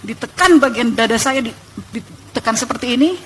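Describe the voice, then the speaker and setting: A young woman telling her testimony in church, animated and emphatic, addressing the congregation. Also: fairly high pitch, normal speed, background noise.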